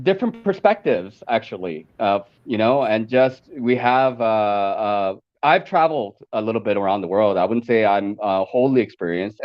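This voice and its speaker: A man born in Korea and raised in America, chatting over a call and talking haltingly with many fillers and restarts. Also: mid-range voice, lo-fi sound. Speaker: podcast guest. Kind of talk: casual chat over a call. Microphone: video call.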